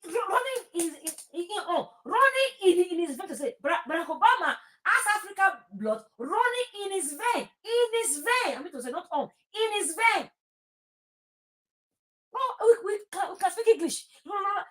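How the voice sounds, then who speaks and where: This talk show host's voice is extremely high, very animated and fairly bright, at a moderate pace. A Nigerian-accented woman, she argues her political views informally and with passion, repeating phrases and lapsing into Pidgin.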